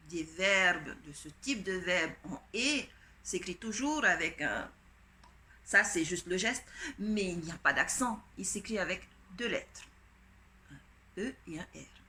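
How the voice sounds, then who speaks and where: Patient woman teacher, slow lively dictation. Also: medium pitch, slight background noise. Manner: patient, spells out letters and strokes step by step. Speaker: primary school teacher. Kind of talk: slow dictation lesson for children. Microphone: home recording for an online class.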